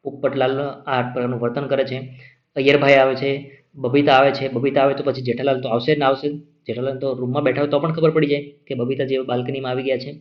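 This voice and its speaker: A man's voice: mid-range voice, little pitch movement, fast talker. A male exam-prep teacher giving a classroom lecture, explaining patiently, repeating key points and checking that students follow. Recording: dull lo-fi recording.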